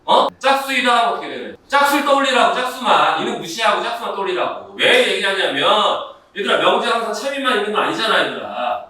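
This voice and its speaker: High, bright-voiced man teaching math. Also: sing-song, fast talker, hardly any pauses. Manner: quizzing, repeatedly addressing students. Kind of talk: classroom lecture. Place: classroom. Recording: echoey room, distant mic, faint noise.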